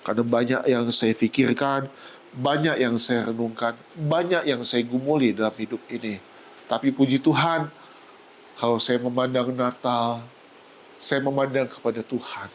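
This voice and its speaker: A man preaching a heartfelt church sermon, his voice climbing high when he is moved and sounding tearful. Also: fairly even intonation, normal speed, slight background noise, rough recording. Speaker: pastor. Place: church service.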